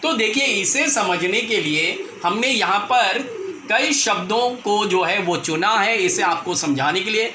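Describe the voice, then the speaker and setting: A man with a high, very bright and sharp voice teaches a grammar lesson and explains each point patiently, going over it again and again. He sounds like he is in an echoey room with faint noise behind him. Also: a little slow. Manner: patient, repetitive explaining, addresses viewers as children.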